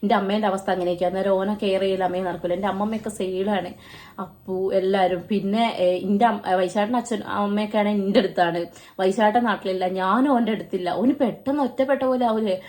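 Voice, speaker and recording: Fast-talking young woman. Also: medium pitch, steady tone, a little mellow. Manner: earnest, halting, with restarts and trailing pauses. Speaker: family vlogger. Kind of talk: emotional personal storytelling.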